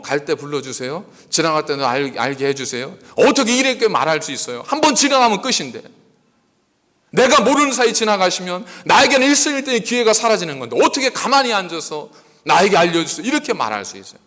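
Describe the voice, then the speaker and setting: A male pastor preaching a sermon, asking many rhetorical questions in an animated delivery. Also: high voice, fast. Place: church sanctuary. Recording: echoey church hall.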